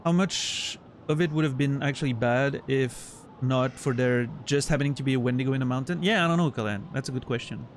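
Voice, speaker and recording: Talking fairly quickly with hardly any pauses, this Swiss man speaks at medium pitch over a little hiss or hum. He's a native French speaker with a Swiss French accent, casually chatting with his stream's viewers as he games and frequently starting his sentences over.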